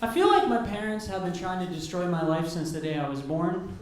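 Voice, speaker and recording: A man's voice: sits high, expressive, a little fast. A man in his thirties performing a stand-up comedy set, sardonic and self-deprecating, swearing freely. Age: 30s. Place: comedy club stage. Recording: echoey comedy club room.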